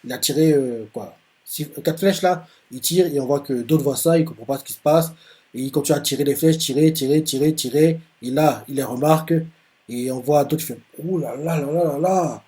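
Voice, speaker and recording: Man, casual manga recap, mellow tone, rambling, many fillers. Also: mid-range voice, brisk. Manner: rambling, full of fillers and restarts. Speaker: manga reaction host. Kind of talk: casual retelling of a manga chapter.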